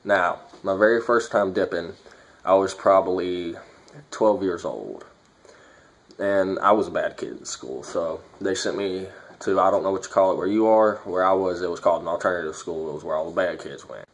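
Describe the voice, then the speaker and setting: A man with a low voice speaks with his lip packed full of dip. He talks like a casual vlogger giving a review or telling a story, blunt and quick to swear. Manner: blunt, profane.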